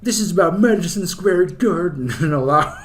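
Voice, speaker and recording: A man's voice: sits high, expressive, normal speed. A man co-hosting a casual wrestling podcast over an online call, talking in an emphatic, enthusiastic way with plenty of swearing. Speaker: podcast co-host and former wrestling performer.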